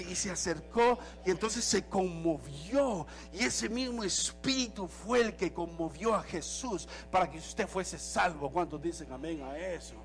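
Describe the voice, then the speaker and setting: High-voiced preaching pastor, soft music behind. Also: male voice, vocal fry. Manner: animated preaching, mixing in English phrases. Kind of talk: sermon.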